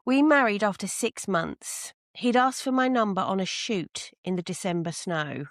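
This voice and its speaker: A woman voicing a posh woman in her sixties, reading a listener's letter in a measured way. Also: medium pitch, no echo, studio quality, natural voice. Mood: reflective.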